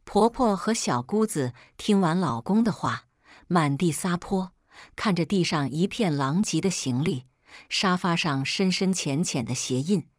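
A woman narrating a first-person family story in a steady, firm reading voice. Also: lowish voice, no room sound, clean studio sound.

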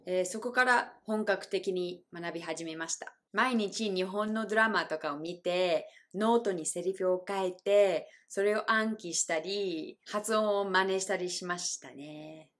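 Young native-English woman, cheerful teacher voice, models phrases slowly and clearly. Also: lowish voice, fairly bright tone. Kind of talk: friendly video lesson with demonstrations.

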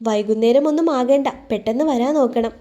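A woman voicing a young man in a told story, curt at first, then gentle and teasing. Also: a little high, fairly quick, highs cut off, close to an everyday voice.

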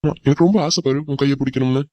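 A man plays a spoiled, hot-tempered rich young man in a cartoon drama who mocks whoever he speaks to. The words tumble out very fast in a darkish tone, through a dull, dry lo-fi sound. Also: medium pitch, a little mellow, no room sound, close to an everyday voice. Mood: scornful. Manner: scornful, mocking. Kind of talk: cartoon voice acting.

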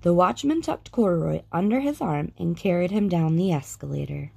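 A woman reading a children's picture book aloud with a lilting, expressive storytelling manner. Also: on the low side, moderate pace, creaky, breathy edge. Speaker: storybook reader.

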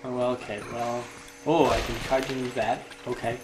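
A man's voice: mid-range voice, flat delivery, moderate pace, background noise. A young man giving casual, rambling gameplay commentary as a let's play host. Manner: chatty, rambling, easily amused. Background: game music.

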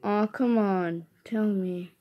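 A chatty, pushy storybook pal, read aloud by a woman. He rambles along, trailing off and starting over, at a slow pace and middle pitch. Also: fairly even intonation, muffled recording.

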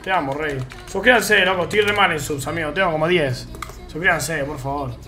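Brief: Argentine Rioplatense male streamer, slangy and chatty, bright voice, faint game music underneath. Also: on the high side, a little fast. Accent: Argentine Rioplatense Spanish. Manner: slangy, chatty, talks to chat while gaming. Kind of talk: casual live-stream chat.

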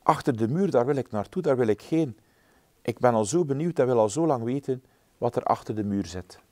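A man's voice: fairly low pitch, expressive, moderate pace, mellow. A man voicing a small, curious female mouse in a storybook reading, eager and wondering.

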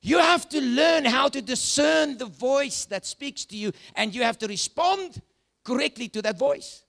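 A South African man preaching a sermon, moving between loud shouts and hushed, dropping asides. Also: very high-pitched, expressive, measured pace, creaky. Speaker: pastor.

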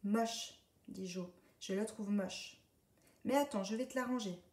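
A woman's voice: mid-range voice, a little slow, a little mellow, natural voice. A woman reading a storybook aloud, voicing a naughty little male duckling in a sulky, cheeky way. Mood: mischievous. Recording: echoey room, distant mic.

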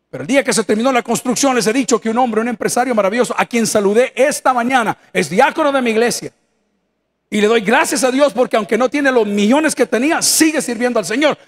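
This pastor's very high voice is animated and quick as he preaches a sermon in a church sanctuary. He has a Salvadoran accent, jokes in a folksy way and acts out the voices of people he quotes.

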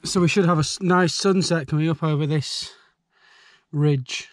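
A man's voice: fairly high pitch, normal speed, no echo. A young man, chatting casually as he vlogs from his campervan and the lakeshore into an action camera. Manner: relaxed, chatty, thinking aloud. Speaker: travel vlogger. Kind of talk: casual vlog narration.

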